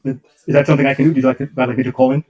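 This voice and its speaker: A man's voice: medium pitch, flat delivery, very fast, warm tone. Man on a choppy, glitching call line. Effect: choppy audio that keeps cutting out. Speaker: consultant presenting to a commission. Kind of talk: formal presentation read from slides. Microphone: remote call audio. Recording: dull lo-fi remote call line.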